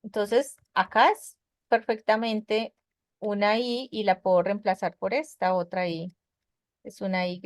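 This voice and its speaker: A woman's voice: mid-range voice, no room sound, studio quality. A woman teaching an English grammar class online, explaining patiently and checking with her students as she goes. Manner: patient, explains step by step with many checking questions. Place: online web conference class.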